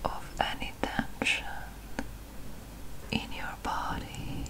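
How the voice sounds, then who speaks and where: A woman guiding an ASMR relaxation hypnosis in a whisper, with a slow, soothing hypnotist delivery and long pauses. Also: poor audio. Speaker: hypnosis guide.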